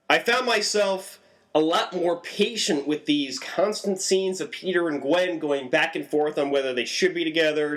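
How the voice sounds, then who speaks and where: A man giving a casual, animated movie review, swinging his voice up for emphasis. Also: fairly high pitch. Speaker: film reviewer.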